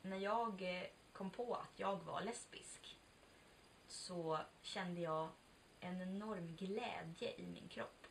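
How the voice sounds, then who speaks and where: With a fairly low, vocal-fry voice, a woman in her twenties vlogs about something personal, candid and chatty in a casual confessional style. She swears at times and acts out pieces of conversation. Faint background noise comes through the distant mic.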